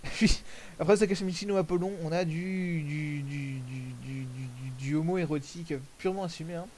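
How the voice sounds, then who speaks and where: Man, casual video commentary, rambling, crude slang, slightly high voice, faint hiss. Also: normal speed, darkish tone, poor audio. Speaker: commentator reviewing fan music videos.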